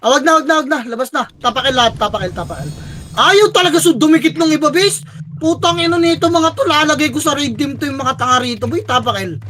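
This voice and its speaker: A young man leads his squad through an online game, firing off rapid repeated commands and cursing when his team lags. His voice sits very high and sounds bright and edgy. A faint hiss of noise runs underneath. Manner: barks rapid repeated callouts, swears when frustrated. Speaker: squad leader calling commands.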